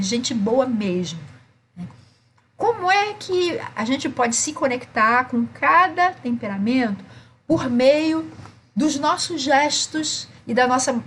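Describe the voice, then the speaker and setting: Woman, webinar teacher, higher voice, soft room hum behind, tags sentences with "né?". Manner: frequent "né?" tags, lists words. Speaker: webinar presenter.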